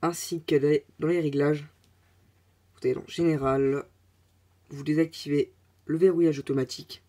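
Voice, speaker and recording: A man narrates a casual step-by-step tech tutorial. His voice is mellow and relaxed in tone, and he talks in a halting way, full of filler sounds and offhand asides. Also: on the high side. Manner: hesitant, many filler sounds, chatty asides.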